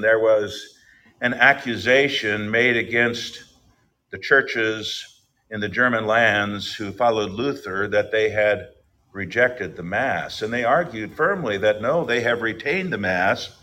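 A man's voice: lowish voice, bright, forceful tone. A middle-aged male pastor giving a sermon, reading scripture with emphasis and then explaining it in a plainer tone.

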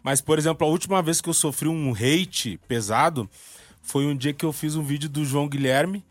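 Gaúcho man, comedian guest, storytelling in a studio, fairly high voice, dry close sound. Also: normal speed, no room sound. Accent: southern Brazilian Portuguese (gaúcho). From Porto Alegre, southern Brazil. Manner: animated storyteller who acts out quoted dialogue. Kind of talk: casual storytelling interview. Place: radio studio.

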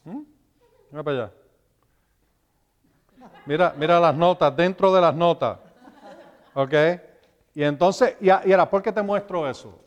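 A man's voice: sits high, big-room sound, highs cut off. A man preaching a sermon at a live church service, talking in a conversational way and often checking in with his listeners. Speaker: pastor.

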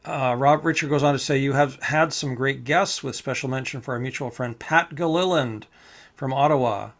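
A man with a gravelly, creaky edge to his voice, talking casually as a podcast co-host. He reads listener mail aloud and chats in an amused, easygoing way. His phrases often restart midway. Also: mid-range voice, normal speed. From Canada.

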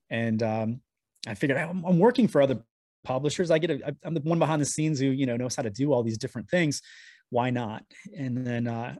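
A man's voice: medium pitch, darkish tone, dry recording, clean studio sound. A man, a guest in an interview, talking over a video call with a shaky connection, rambling and restarting his sentences often. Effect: heard over a video call with a shaky connection. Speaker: guest, comics editor. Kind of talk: casual interview talk.

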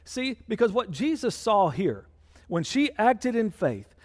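High-voiced preacher in a reverberant hall. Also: male voice, sing-song, a little slow. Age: adult with a child. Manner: fervent, emphatic preaching with swelling intensity. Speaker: pastor. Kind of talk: sermon. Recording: long reverb of a large hall.

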